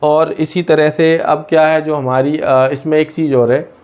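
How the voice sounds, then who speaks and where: A man teaching a lesson from India, pausing often and asking questions he then answers himself. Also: on the high side, little pitch movement, a little mellow, smooth. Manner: asks and answers his own questions, many hesitations. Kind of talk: explaining a lesson.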